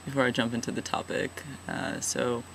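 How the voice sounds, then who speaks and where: A man in his twenties from California talks in a halting, thoughtful, self-deprecating way in a casual personal vlog. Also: medium pitch, little pitch movement, creaky, fairly bright tone, a little hiss or hum, rough recording. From California, USA. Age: 20s. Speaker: vlogger, regular channel contributor.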